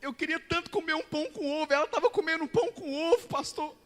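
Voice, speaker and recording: A preacher voicing a weepy grown man who pleads and pities himself in a high, whining voice. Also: lively intonation, fast, fairly bright tone. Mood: tearful whining. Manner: high whining plea, tearful. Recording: long reverb in a church hall.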